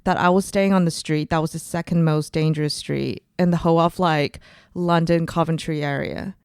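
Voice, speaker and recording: A woman's voice: low voice, steady tone, normal speed, a little mellow, clear, resonant tone, no echo, clean studio sound. A young woman from Singapore, a podcast guest telling stories in a chatty way and laughing lightly now and then. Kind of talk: casual interview.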